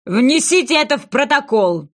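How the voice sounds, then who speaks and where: A woman's voice: high voice, animated, moderate pace, pitched above the performer's own voice. A woman voicing a bossy, impatient male king who barks commands at his court. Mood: imperious. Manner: commanding, barking orders.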